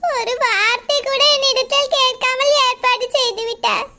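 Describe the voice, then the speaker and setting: A woman's voice: extremely high pitch, steady tone, normal speed, sharp tone, full character voice. A woman voicing a troubled young woman brooding over an unwanted marriage, in formal speech. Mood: worried.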